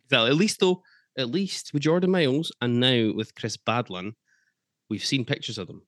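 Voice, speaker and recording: A man hosting a casual football podcast, chatty and quick to swear, laughing between points. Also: mid-range voice, a bit bright, no echo. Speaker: podcast host.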